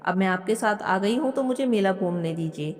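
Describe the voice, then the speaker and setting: A woman's voice: mid-range voice, animated, normal speed, lightly acted. A woman voicing a scornful young daughter-in-law. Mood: dismissive. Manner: dismissive, defiant. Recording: long hall reverb.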